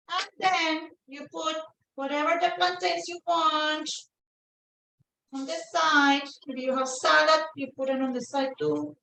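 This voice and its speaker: A woman with a distinctly high voice and a Colombian accent, a native Spanish speaker. She walks through a home cooking demonstration in a chatty, informal way, often repeating a phrase to stress it. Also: flat delivery, takes it slowly, pauses often, bright, forceful tone, poor audio. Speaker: cooking show host, home cook. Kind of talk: casual cooking demonstration chat.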